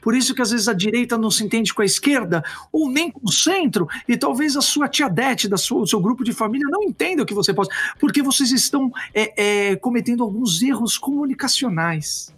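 A man's voice: extremely high pitch, animated, fairly quick, few pauses, fairly bright tone, slightly rough. A man with a Brazilian accent hosting a casual chat, enthusiastic and using everyday slang. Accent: Brazilian Portuguese. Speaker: podcast host.

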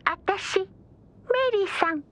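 A woman's voice: very high voice, fairly even intonation, a little slow, fairly bright tone. A woman playing a small haunted doll, bossy yet sympathetic, with childlike theatrical delivery in a Japanese comedy audio drama. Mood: eerie, calm.

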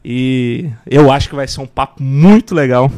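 A man's voice: medium pitch, normal speed, mellow. A man with a Brazilian Portuguese accent hosting a casual podcast interview, speaking in an informal, slangy, enthusiastic way. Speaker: podcast host.

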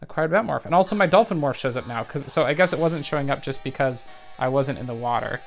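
Speaking fast in a creaky, medium-pitched voice, this man narrates his video game session casually. He's an excitable let's play gamer who announces each move and every health count aloud.

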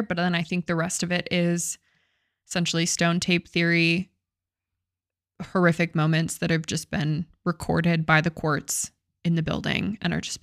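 A woman's voice: lowish voice, fairly bright tone, no echo. Chatty young woman, dry close sound. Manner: casual, swears, many "like" fillers. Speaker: podcast co-host. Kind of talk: casual storytelling chat.

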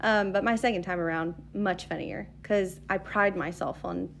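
Woman, podcast co-host, casual chat, mid pitch, laughs a lot, restarts sentences. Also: fairly even intonation, moderate pace, gravelly, fairly bright tone, slight background noise.

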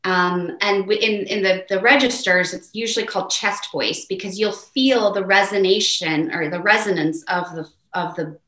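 With few pauses and a moderate pace, a mezzo-voiced woman teaches technique in an interview where she is the voice teacher guest. She's animated and demonstrative, changing pitch to show each point, while the rough recording carries reverb.

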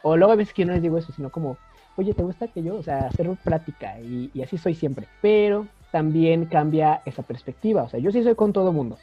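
Young man co-hosting a chatty podcast, animated, slightly dull lo-fi sound with faint music. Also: fairly quick, few pauses, slightly rough. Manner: animated, mimics others in high voices. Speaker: podcast co-host. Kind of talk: casual chat.

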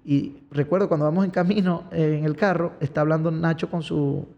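A man's voice: on the high side, a little fast, vocal fry. A young man with a Venezuelan accent, a singer-songwriter telling stories animatedly in a casual interview. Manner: animated storyteller. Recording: dull lo-fi recording.

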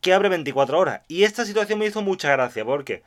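A man from tells a rambling funny anecdote in a relaxed chat. He acts out every line of dialogue in his story and often breaks into laughter. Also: high-pitched, fast talker. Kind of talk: casual comic storytelling.

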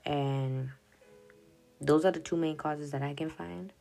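Speaking a little slowly in a low, gravelly, warm voice with fairly even intonation, a young podcast host whose first language is Swahili drifts through her journal notes. She keeps cutting herself off, laughing and saying "yada yada" as faint music plays underneath.

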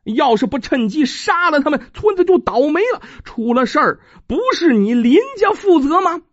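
A storyteller puts on a scheming scholar man who sneers and scolds, his voice rising when roused. The tone is a bit husky, caught on a dull, dry recording. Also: extremely high pitch, very animated, normal speed, fairly bright tone, pitched above the performer's own voice, heavily acted. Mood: indignant.

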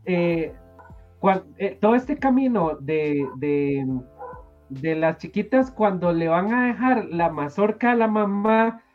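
A man's voice: high-pitched, lively intonation, slow, phone-quality sound, faint music behind. Gushing Costa Rican man chatting. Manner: gushing, many fillers, sentimental. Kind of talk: casual chat.

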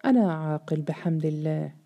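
A woman voicing a poor young man who answers his accuser with firm, quiet, brief replies. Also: deep voice, fairly quick, highs cut off. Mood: steadfast. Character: poor young man, stubborn, calm, seeking justice.

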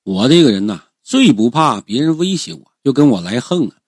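Brief: male audiobook narrator, husky, lively rising-falling pitch, chatty storytelling with drawn-out particles. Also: no echo, studio quality. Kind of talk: first-person audiobook narration.

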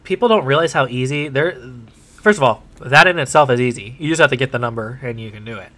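A man's voice: mid-range voice, fast talker, fairly bright tone. An American man co-hosting a podcast in casual chat, with a nasal, sniffly voice. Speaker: podcast co-host.

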